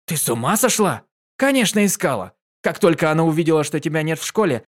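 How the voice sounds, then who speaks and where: A man voicing a brash tomboy pegasus mare with a husky voice in an audiobook reading. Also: sits high, pitched above the performer's own voice, lightly acted.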